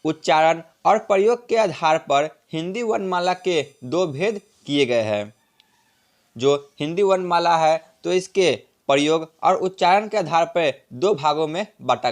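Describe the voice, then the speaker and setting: Higher-voiced man teaching grammar. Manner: repeats points, tag "ठीक है ना" often; drawn-out vowel sounds as examples. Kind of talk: Hindi grammar lesson.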